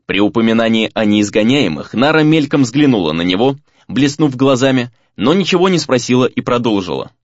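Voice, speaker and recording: A man narrates an audiobook in an expressive storytelling style. His pitch rises and falls in a lively way. The recording is dry and dull, with a lo-fi sound. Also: a little fast, hardly any pauses, no room sound. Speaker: audiobook reader. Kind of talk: scripted narration.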